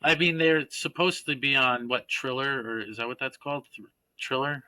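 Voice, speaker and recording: Bright-voiced rambling podcast co-host man. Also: medium pitch, moderate pace, low-quality recording. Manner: chatty, rambling, hedging asides. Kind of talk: casual chat.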